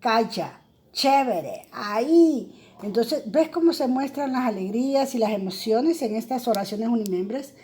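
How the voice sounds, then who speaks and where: A woman teacher walks through grammar rules. Her voice sits a little high but sounds mellow and soft-edged. She talks in a patient, explanatory way, stopping often to check that students follow. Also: moderate pace, few pauses. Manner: explanatory, many fillers and tag questions. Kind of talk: recorded grammar lesson.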